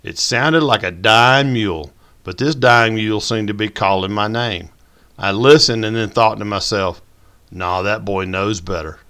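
A man voices a grumpy, teasing old man telling a hunting story by the stove. His low voice drawls and mocks. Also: fairly bright tone, clear, resonant tone. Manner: drawling yarn-spinner, mocking.

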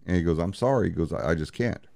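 Deep-voiced blunt male storyteller. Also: expressive, fast, creaky, dark tone, no room sound, clean studio sound. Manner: blunt, profane, retells scenes with "he goes, I said". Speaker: paranormal investigator. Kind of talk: storytelling in a podcast interview.

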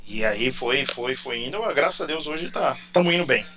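A man's voice: mid-range voice, expressive, normal speed, pushed and bright, highs cut off. A Brazilian man in his forties with a São Paulo accent, chatting casually as an interview guest and telling stories. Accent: São Paulo Portuguese. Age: 40s. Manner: chatty storyteller.

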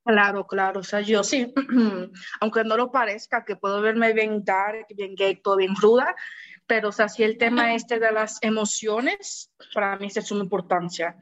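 A woman's voice: mid-range voice, steady tone, a little slow, a bit bright, muffled recording. A woman, chatting frankly as a podcast co-host and acting out quoted voices. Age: 20s. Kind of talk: casual podcast chat.

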